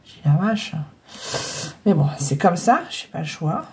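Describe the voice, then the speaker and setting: Slight background noise sits under a fairly low, darkish female voice that is very animated yet keeps a measured pace. The speaker, a middle-aged scrapbooking vlogger with a cold, a blocked nose and heavy breathing, rambles casually to viewers from her home craft room about her scrapbooking, hesitating often with many fillers and restarts.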